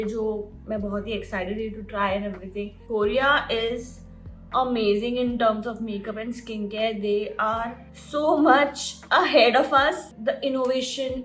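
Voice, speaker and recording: A young Indian woman with an Indian English accent, chatting excitedly about her beauty haul and switching between Hindi and English. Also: fairly high pitch, poor audio. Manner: excited, mixes Hindi and English mid-sentence. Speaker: beauty vlogger.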